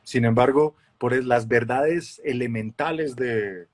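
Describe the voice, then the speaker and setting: Man, 40s, animated storyteller, chatty guest testimony. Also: mid-range voice, unhurried. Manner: lively storyteller, acts out voices and shifts loudness a lot. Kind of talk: animated testimony in a casual chat.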